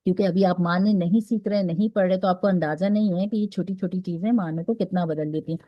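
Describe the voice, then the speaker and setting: Speaking fast in a steady, lowish voice, this Pakistani Urdu-accented teacher runs an online Quran recitation lesson captured in a dry, muffled recording. She goes step by step with patience, checking in often with "theek hai?"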